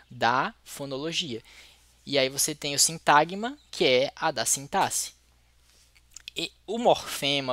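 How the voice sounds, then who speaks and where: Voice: mid-range voice, bright, forceful tone, dry recording. A teacher with a Brazilian Portuguese accent giving an explanatory lecture, thinking aloud and restarting words mid-sentence.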